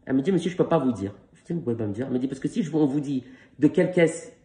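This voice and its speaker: Man, 50s, stand-up comic, very rapid delivery, mellow tone, echoey stage room. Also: medium pitch. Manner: animated, acts out phone calls in quick back-and-forth. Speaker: stand-up comedian. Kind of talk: stand-up storytelling.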